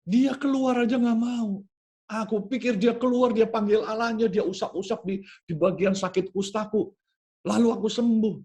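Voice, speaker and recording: A man's voice: mid-range voice, huge pitch swings, moderate pace, a little mellow. A man voicing a proud, offended army general who complains in a raised, indignant voice.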